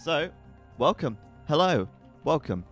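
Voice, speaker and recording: A man casting an esports match live, chatty and quick to laugh. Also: fairly high pitch, very animated. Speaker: esports caster. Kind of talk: live game commentary. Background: faint background music.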